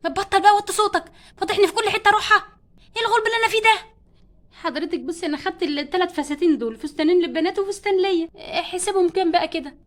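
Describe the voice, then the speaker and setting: A shopping-mad wife doll from a doll play story, pleading and scolding her stingy husband. Her Egyptian Arabic comes very high and very fast. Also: a bit bright. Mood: bickering. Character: spendthrift wife doll who loves dresses.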